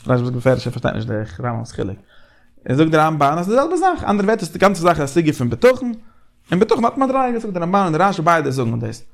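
A man leading a casual Talmudic study discussion, animated and repeating phrases as he thinks aloud. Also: a little high, rapid-fire, creaky.

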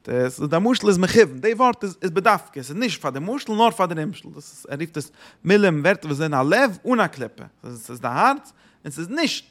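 A man teaches religious texts in a slightly raised, gravelly voice. He often searches for words and restarts phrases, and his voice leaps upward whenever he stresses a point. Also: high-pitched, sing-song, a little fast.

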